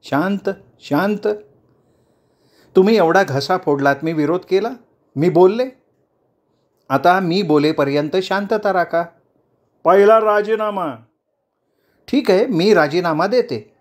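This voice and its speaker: A man's voice: high voice, slow, long pauses, voice pushed up. A man voicing a defiant woman council chair who addresses a crowd in a rousing, commanding speech.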